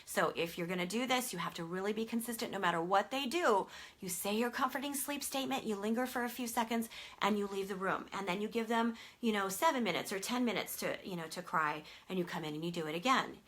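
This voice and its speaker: A woman's voice: lowish voice, pushed and bright. A woman sleep consultant explaining a method to parents in a conversational way, with many fillers and emphatic stresses.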